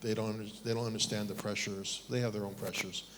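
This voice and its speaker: Middle-aged Taiwanese-born panelist, lowish voice, candid and self-mocking. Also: male voice, level tone, fast talker, background noise. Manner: candid, self-deprecating, many restarts. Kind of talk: fireside chat on stage.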